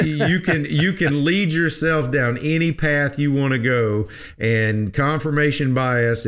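Folksy male radio advisor, mid-pitched. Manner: folksy, emphatic, halting with repeated phrases. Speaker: radio show host, financial advisor. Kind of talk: conversational financial advice talk.

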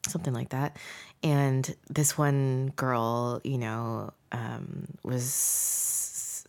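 A woman's voice: extremely low pitch, flat delivery, drawn-out words, gravelly, a little mellow, clean tone. A woman in her thirties co-hosting a podcast, chatting casually and reflectively, thinking aloud in a rambling way. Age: 30s. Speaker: podcast co-host.

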